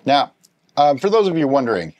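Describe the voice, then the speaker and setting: Brisk and medium-pitched, the middle-aged man runs his homebrewing show at a table in a home studio stocked with shelves of bottles. He animatedly handles the gear and chats casually through each step.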